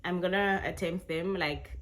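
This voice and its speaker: A woman's voice: lowish voice, steady tone, unhurried, a bit bright. A young South African woman with a South African accent, reacting casually to tweets in a chatty, self-correcting way, often laughing. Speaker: vlogger.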